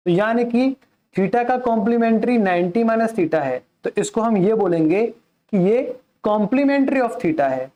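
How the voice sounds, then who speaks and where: A man's voice: high voice, lively intonation, unhurried, dark tone. A male math teacher giving a classroom lecture who mixes English terms into his Hindi and keeps asking questions and then answering them himself.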